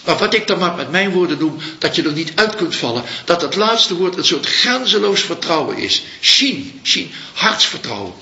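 A man giving a reflective Buddhist dharma talk as a teacher, speaking slowly and searching for his words. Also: high voice, lively intonation, bright, forceful tone. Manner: slow, searching, pauses to find words. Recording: echoey room, dull lo-fi sound.

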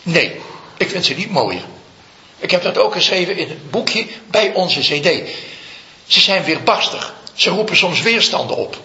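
A man, a Zen teacher, giving a slow, reflective dharma talk full of stories. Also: high-pitched, big pitch swings, sharp tone. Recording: echoey room, dull lo-fi sound.

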